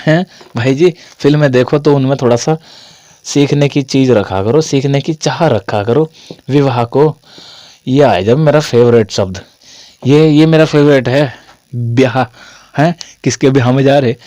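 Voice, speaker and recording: With an unhurried pace and a mellow, medium voice, this young man runs a laid-back online Hindi grammar class. A cold has left his throat sore, but he stays chatty and repetitive, joking with students, and there's no room sound.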